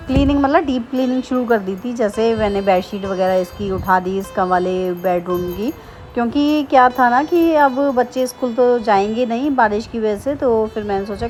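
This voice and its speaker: A woman's voice: fairly high pitch, moderate pace, darkish tone, faint music behind. A woman in her thirties, a homemaker, chatting casually in a daily home vlog, rambling with many fillers and restarts. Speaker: vlogger, homemaker. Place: home during heavy rain. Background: faint rain and ambience.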